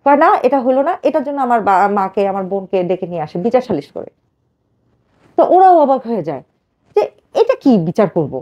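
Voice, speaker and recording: A woman in her thirties tells her own life story to a host, fast and emotional, with many fillers. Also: mid-range voice, sing-song, dull audio. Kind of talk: personal life story told to a radio host.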